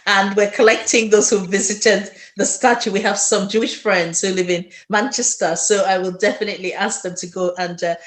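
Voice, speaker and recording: Woman hosting an online chat, gushing and praising, talking to viewers, roomy echo on the call. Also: medium pitch. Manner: effusive, praising, addresses audience directly. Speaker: host. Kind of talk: online interview. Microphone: video call.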